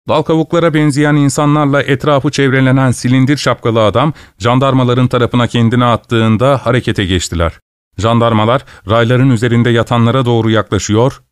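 A man reading a story aloud as narrator, in a measured, descriptive way. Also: mid-range voice, no echo, clean studio sound. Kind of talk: scripted narration.

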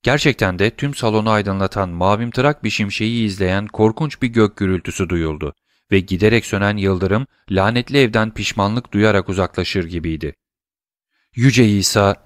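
A man reading a novel aloud in scripted audiobook narration, measured and suspenseful. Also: on the low side, no room sound, clean studio sound.

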